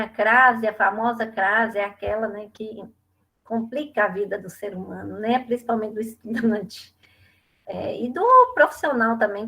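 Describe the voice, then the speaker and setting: A middle-aged woman with a Brazilian Portuguese accent, teaching an online class and explaining step by step, often checking in with a quick tag question. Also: a little high, bright, forceful tone.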